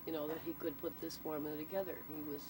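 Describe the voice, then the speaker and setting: Speaking fast and flatly in a low-pitched voice, this local storyteller explains things in an interview, keeping it matter-of-fact and making sure the listener keeps up. Vehicle ambience fills the noisy amateur recording.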